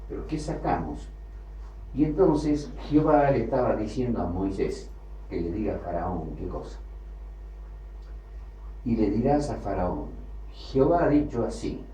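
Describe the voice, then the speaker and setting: A man's voice: on the low side, mellow. A man teaching a sermon on the Bible, building his points through repeated phrases and rising emphasis. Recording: distant, roomy, dull lo-fi with faint hiss.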